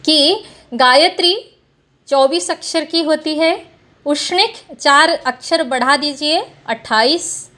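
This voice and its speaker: A woman with a high voice teaches an exam coaching class. She goes through lists step by step and slowly recites Sanskrit sutras between her explanations. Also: fairly bright tone.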